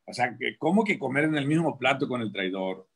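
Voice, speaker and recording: A man's voice: mid-range voice, lively intonation, fairly quick, a bit bright, slightly rough. A man, a prison preacher, talking through his faith on a radio show with many rhetorical questions and restarts. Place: radio studio.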